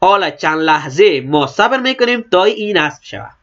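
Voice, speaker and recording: Afghan dari guy walking thru a computer tutorial, high bright voice, kinda dull lo-fi sound. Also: big pitch swings. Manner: plain, repetitive explaining of each click. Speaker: computer instructor. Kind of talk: step-by-step screen tutorial. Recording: slightly dull lo-fi recording.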